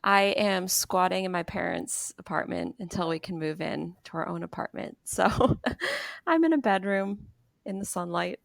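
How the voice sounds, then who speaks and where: A woman hosts a podcast from a bedroom, laughing easily as she chats and tells a story. Her voice has a gravelly edge. The sound is dry and close. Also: fairly low pitch, normal speed, dry recording. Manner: laughs often, relaxed telling. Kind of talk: casual chat and storytelling. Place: bedroom at her parents' apartment.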